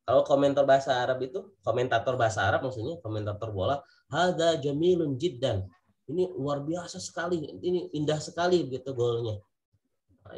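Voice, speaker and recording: A man with an Indonesian accent teaching an Arabic vocabulary class, patiently repeating each word and point. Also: mid-range voice. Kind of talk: online class lesson.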